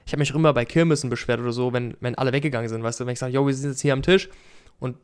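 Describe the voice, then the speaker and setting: A man's voice: medium pitch, fairly even intonation, racing, clean tone. A young man in casual podcast chat, rambling and tagging lines with "weißt du". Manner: rambling, keeps adding "weißt du".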